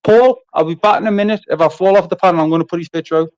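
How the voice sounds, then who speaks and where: A man's voice: high-pitched, rapid-fire, darkish tone, no room sound, rough recording. A man in a heated livestream argument, throwing sweary, taunting insults. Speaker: livestream panel member.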